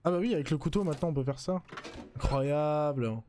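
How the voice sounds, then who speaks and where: A young French let's play streamer chats casually while playing a horror game, muttering to himself and quick to crack jokes. His voice is on the high side and warm, with a little hiss or hum on the recording.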